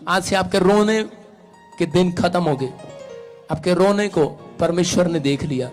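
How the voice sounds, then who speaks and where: A man's voice: high voice, measured pace. A man, a pastor leading a healing service, urging and commanding people to rise and walk, breaking into repeated chanted syllables. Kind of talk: urgent healing prayer and exhortation. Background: worship music.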